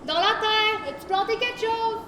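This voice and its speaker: A schoolgirl playing a practical, teasing young woman with a matter-of-fact delivery. Her voice sits very high. It echoes through a theatre hall with clear room hiss. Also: moderate pace. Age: teens. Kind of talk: school stage play.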